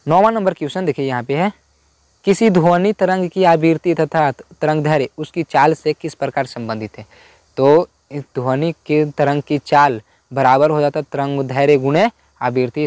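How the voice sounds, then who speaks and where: A man's voice: a little high, normal speed, darkish tone, no room sound. A man teaching a school physics lesson in informal Hindi, repeating key points and asking himself questions before answering them. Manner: repetitive, asks and answers his own questions. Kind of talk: explaining homework answers.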